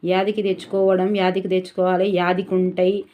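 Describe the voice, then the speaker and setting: A woman's voice: on the low side, completely flat delivery, brisk, lo-fi sound, slight background noise. A young woman with a Telangana Telugu accent, tutoring for exams and repeating key words in sing-song drills. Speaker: exam tutor. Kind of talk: memory tricks for exam revision.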